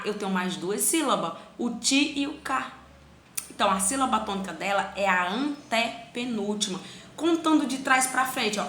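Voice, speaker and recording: A bright, fairly high-voiced woman gives a grammar lesson to children. She draws out syllables slowly to show where the stress falls, and she asks the pupils' questions in her own voice. The room around her is echoey. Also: a little hiss or hum. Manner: plays both teacher and pupil asking questions. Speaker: teacher.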